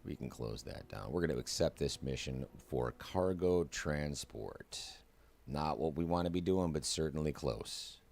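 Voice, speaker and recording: A man's voice: very deep voice, lively intonation, unhurried, creaky, a little mellow. A man giving casual, chatty commentary while streaming a flight simulator, narrating each step aloud with self-mocking asides.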